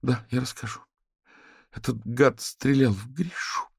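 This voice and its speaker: A man's voice: mid-range voice, steady tone, a little slow, creaky, slightly rough, no echo, clean studio sound, voice pushed up, exaggerated voice. A man voicing a tired young mother who speaks tearfully and pleadingly in an audiobook.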